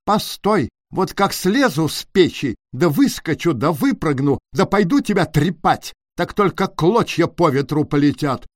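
A man's voice: a little high, expressive, unhurried, few pauses, no echo, clean studio sound, pitched above the performer's own voice. A man voicing a sly, boastful female fox in a storybook tale, mocking and threatening.

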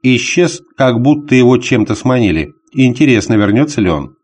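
A man's voice: mid-range voice, animated, moderate pace, a little mellow, slightly rough. A man voicing an uneasy, watchful male traveler on a dog sled in an audiobook, anxious and insistent.

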